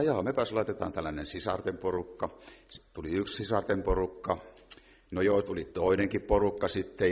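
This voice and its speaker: A man from a visiting choir, talking in a joking, rambling way at a church service. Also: deep voice. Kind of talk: humorous talk at a church service. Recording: reverberant church hall with faint noise.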